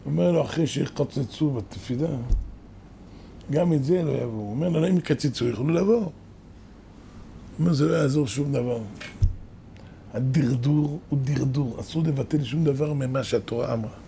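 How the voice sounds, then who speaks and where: A man's voice: medium pitch, creaky, pauses often, mellow, slight background noise. A man, a rabbi, giving a sermon, telling stories with rising emphatic bursts.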